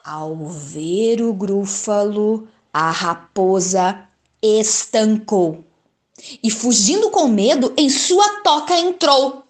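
A woman reading a children's story aloud in an expressive, lilting storytelling voice. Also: medium pitch, slow.

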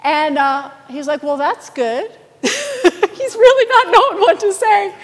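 A woman pastor preaching a sermon, telling a story in a lively storytelling manner. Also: very high voice, slow, big-room sound.

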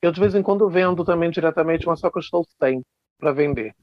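Guy, kinda high voice, telling funny stories on an interview, super animated, muffled dry lo-fi audio. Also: fast, dry recording. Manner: animated comic storyteller, swings into high put-on voices. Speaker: guest author. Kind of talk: storytelling interview chat. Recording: dull lo-fi dry sound.

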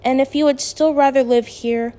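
A calm, practical middle-aged father who speaks in a measured, gently firm way, read by a woman narrating a storybook. He sounds steady and reasonable. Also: high-pitched, pitched above the performer's own voice, lightly acted.

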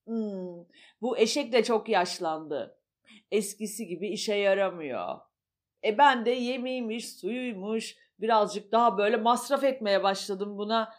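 A woman's voice: medium pitch, measured pace, pitched below the performer's own voice, natural voice. A woman voicing a stingy, grumbling male farmer in a children's storybook.

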